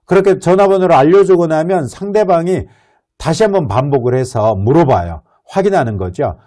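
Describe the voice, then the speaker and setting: A man teaching an English lesson, explaining patiently and reading model sentences slowly and clearly for learners to repeat. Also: on the high side, lively intonation, warm tone. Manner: explains patiently, with rhetorical questions. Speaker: English instructor.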